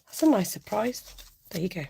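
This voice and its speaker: A woman's voice: mid-range voice, big pitch swings, brisk, creaky, noisy background. A woman in her forties chatting casually on a budgeting livestream, giggly and reading out viewer comments.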